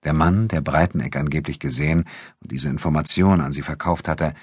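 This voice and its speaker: A man narrating an audiobook in a measured, steady manner from a close studio mic. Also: a bass voice, husky, dry recording. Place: recording studio. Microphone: close studio microphone.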